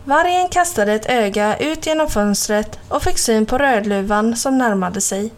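Female narrator, slightly high, clear storybook reading for children. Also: animated.

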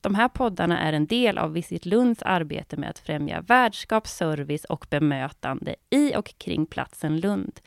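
A woman hosting a podcast, reading a scripted introduction and then interviewing guests in a calm, measured, welcoming way. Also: lowish voice, gravelly, no room sound, studio quality. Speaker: podcast host.

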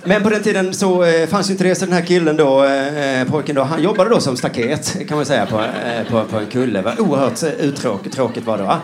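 A man's voice: a little high, few pauses, background noise. A man performing a rambling, sarcastic stand-up routine, mocking other voices as he goes. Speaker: stand-up comedian.

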